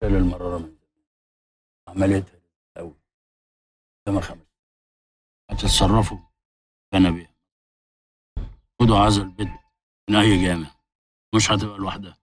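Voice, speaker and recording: An actor playing a proud neighborhood strongman who boasts in a gruff way, with an Egyptian accent. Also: low voice, little pitch movement, brisk, long pauses, close to an everyday voice. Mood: gruff boasting.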